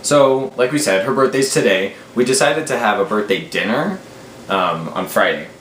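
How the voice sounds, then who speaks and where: A man in his twenties, American-accented, animatedly recounts a story in a casual way, quoting what people said. His medium-pitched voice is expressive and fairly bright, at normal speed. He is indoors in a small room at home, and the recording has a roomy echo with faint background noise.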